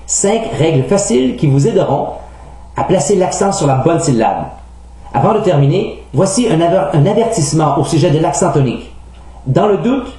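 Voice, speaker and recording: A man with a Québécois French accent, a native French speaker teaching English pronunciation in a scripted lesson, speaking slowly and carefully. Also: a little high, dark tone. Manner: slow, careful, enunciating word examples. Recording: very echoey room, faint hum.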